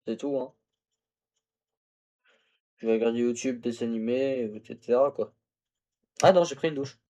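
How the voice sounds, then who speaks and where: A man's voice: mid-range voice, moderate pace, warm tone. A tired young man streaming a game, rambling casually to his viewers with lots of fillers. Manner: rambling, tired, self-talk with fillers and laughs. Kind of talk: casual gaming livestream chat. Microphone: phone used as camera.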